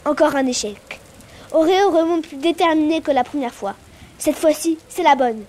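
A woman narrating a children's animal story in a calm, even storytelling voice. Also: sits high, normal speed.

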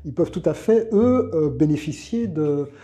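Very dark-voiced woman, stumbling over words. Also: deep voice, expressive, moderate pace. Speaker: discussion participant. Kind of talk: casual discussion.

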